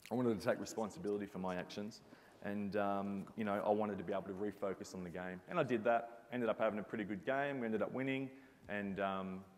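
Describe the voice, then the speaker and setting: With a low, steady voice at a brisk pace, a man from Australia who once captained a basketball team reflects earnestly in a motivational presentation. The hall reverberates, and there's slight background noise.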